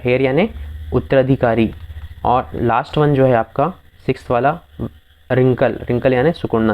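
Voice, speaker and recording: A man's voice: medium pitch, a little mellow. A man teaching English pronunciation in a video lesson, patiently repeating words and checking that his students follow.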